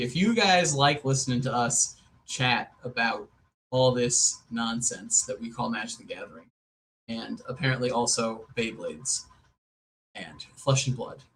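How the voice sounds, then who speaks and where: A man co-hosting a podcast, giving casual, joking commentary on a card game with lots of "like" and drawn-out asides. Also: medium pitch, a bit bright, slight background noise, rough recording.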